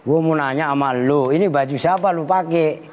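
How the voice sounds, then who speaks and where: In a reverberant hall with faint noise behind him, a man gives a casual, bantering Arabic grammar class as a kyai, teasing students in slangy Betawi Jakarta Malay. His voice sits on the high side and is a little mellow, moving at a moderate pace.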